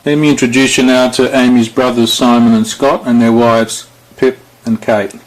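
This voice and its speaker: A man's voice: medium pitch, level tone, moderate pace, poor audio. A middle-aged man giving a father of the bride speech, recorded on video for the wedding. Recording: faint background noise on home video.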